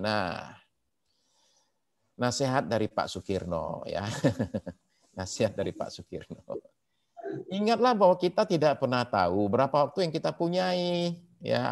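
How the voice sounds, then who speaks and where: An Indonesian man teaching an online church class in a sermon-like way, telling anecdotes and acting out the voices in them. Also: medium pitch. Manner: storyteller who acts out quoted voices.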